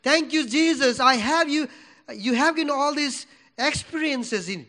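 This sermon comes from a Nepali man whose English, his second language, carries a Nepali accent; in church he moves from forceful declarations to hushed prayer. He has a very high voice and an unhurried delivery.

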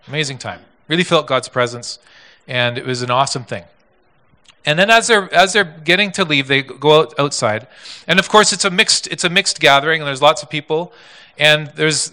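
A male pastor telling a story in a sermon, animated and full of repeats and restarts. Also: mid-range voice. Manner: animated, repetitive, with many restarts.

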